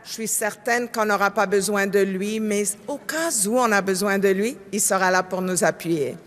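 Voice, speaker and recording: A woman co-chairing a convention, greeting the floor in an unhurried, friendly manner. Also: mid-range voice. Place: large convention hall. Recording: long reverb of a large hall.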